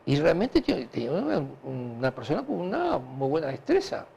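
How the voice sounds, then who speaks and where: A man with a Uruguayan Spanish accent answering conversationally in an interview, halting and repeating himself as he recounts anecdotes. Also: a little high, gravelly, a little hiss or hum. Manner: animated, halting and repetitive, with frequent filler tags. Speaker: interview guest, hospital director.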